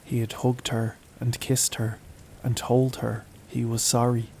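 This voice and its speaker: A man narrating a horror story in a slow, even, somber read. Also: mid-range voice, gravelly, slight background noise. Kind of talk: scripted narration.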